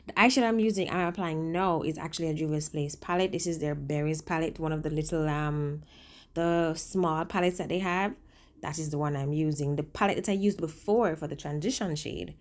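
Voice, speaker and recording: A woman with a low-pitched voice talks casually through a makeup tutorial, speaking with a swollen lip. She is chatty and informal, drifts into little asides and leans hard on her favourite words for emphasis. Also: fairly quick. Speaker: makeup vlogger and working makeup artist.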